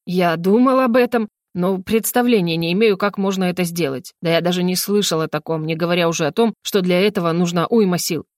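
A proud young male mage with royal blood, pompous and quick to take offence, as a woman reader puts him on. His lines sit a little lower than the reader's own voice and come across dry and close. This is storybook narration. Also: darkish tone, dry recording, lightly acted. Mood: pondering. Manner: indignant, pompous.

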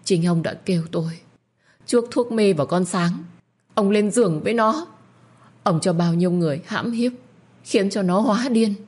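A woman voicing a defiant young female servant in an audio story, shouting and shrieking frantic accusations. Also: normal speed, breathy edge, natural voice. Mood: accusing. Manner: screaming accusations, shrill and frantic.

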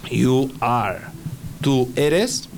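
A man's voice: mid-range voice, expressive, very slow, darkish tone, a little hiss or hum. A man teaching an English lesson in Spanish on the radio, patiently spelling out words and checking with "ok?".

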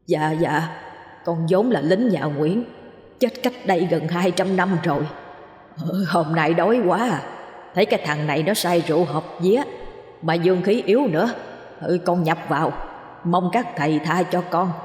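A woman voicing the ghost of an old soldier who pleads in a deep, shaky voice. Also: normal speed, a little mellow, reverberant, long reverb tail, close to an everyday voice. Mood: pleading.

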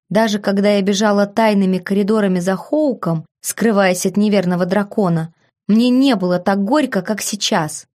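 A woman's voice: medium pitch, darkish tone. Woman reading a first-person audiobook. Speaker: audiobook reader.

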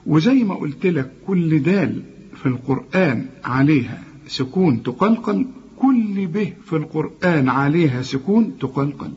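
A man with an Egyptian accent teaching Quran recitation rules, drawing out example words slowly, correcting and repeating them. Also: a little high, expressive, darkish tone, breathy edge. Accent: Egyptian Arabic. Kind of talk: tajweed lesson with recited examples. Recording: muffled lo-fi recording.

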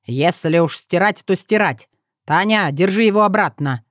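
A woman's voice: fairly low pitch, moderate pace, dry recording, studio quality, close to an everyday voice. Urtyan, a woman doing a smug sly fox. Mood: teasing. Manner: sly, teasing, self-satisfied.

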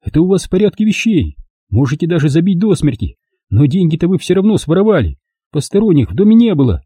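A man's voice: fairly high pitch, sing-song, quick pace, dark tone, husky, no echo, clean studio sound, voice pushed up. Man doing a tearful desperate maid. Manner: pleading, bitter. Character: desperate young housemaid woman, tearful.

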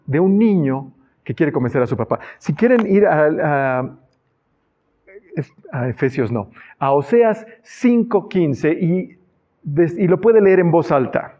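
A man preaches a sermon in an earnest tone, stopping to read scripture aloud and comment on it. His voice sits somewhat high for a man, and the sound is dull and lo-fi. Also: animated, unhurried. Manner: earnest, reads Bible passages aloud and adds asides. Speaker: pastor.

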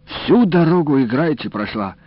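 A man voicing a wry, quick-tempered villager who grumbles dry remarks. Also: fairly high pitch, animated, no echo, pitched above the performer's own voice. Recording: dull, dry lo-fi audiobook recording.

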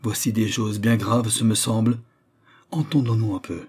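A haughty older cardinal-prince speaks with lofty, imperious scorn, as a male reader puts him on. His voice sits low, dark and husky. The storybook delivery keeps his tone proud and commanding. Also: flat delivery, normal speed.

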